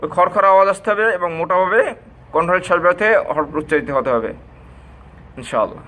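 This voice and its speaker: A man teaching Arabic letter pronunciation, repeating each sound slowly and stretching it out for his learners. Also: high-pitched, animated, sharp tone. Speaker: Quran recitation teacher. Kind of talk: slow, drilled pronunciation lesson.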